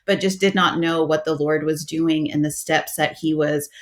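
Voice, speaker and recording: A woman with a fairly low voice co-hosts a podcast. She tells a story in an excited, rambling way. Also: moderate pace. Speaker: podcast co-host. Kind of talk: casual podcast chat.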